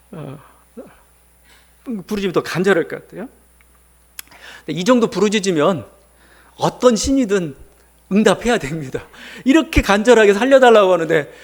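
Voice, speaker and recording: A man's voice: high-pitched, gravelly. A male pastor giving a conversational sermon, posing rhetorical questions to the congregation.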